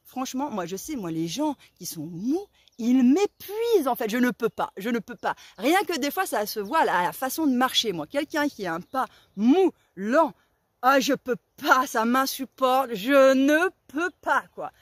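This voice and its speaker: A young woman tells a story to her viewers in a high, lively voice that swoops up and down. Her speech is casual and full of slang, and she acts out her own shouting. The sound is dry and close. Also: normal speed, no echo. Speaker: vlogger.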